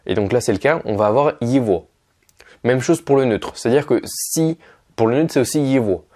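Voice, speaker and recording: Man teaching Russian, unhurried. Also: mid-range voice, mellow. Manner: patient, spells words out slowly with many fillers. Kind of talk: casual explanatory lesson.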